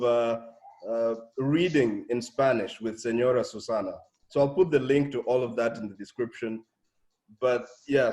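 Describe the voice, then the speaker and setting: Host: man, mid-pitched voice, casual and halting, pauses a lot mid-sentence. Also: darkish tone. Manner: hesitant, many fillers. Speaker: host of language channel. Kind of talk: casual interview chat.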